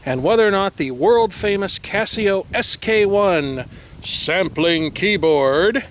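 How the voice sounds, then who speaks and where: A high-pitched, animated man hosts a casual vlog outdoors beside a vehicle on a windy day, taking his time. His phrasing is wordy and playfully formal, delivered with tongue-in-cheek mock seriousness, and the windy recording has clear noise.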